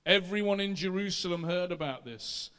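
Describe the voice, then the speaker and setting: A man's voice: high-pitched, normal speed, a bit bright, smooth. Leicester-accented male pastor in a reverberant hall. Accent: Leicester, English East Midlands. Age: 40, about to turn 41. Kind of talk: sermon with scripture reading.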